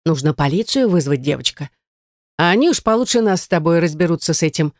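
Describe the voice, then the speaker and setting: A woman voicing a fussy elderly building manager in an audiobook, speaking in a lower, hushed and fretful voice. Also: expressive, fast, dry recording, clean studio sound. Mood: worried.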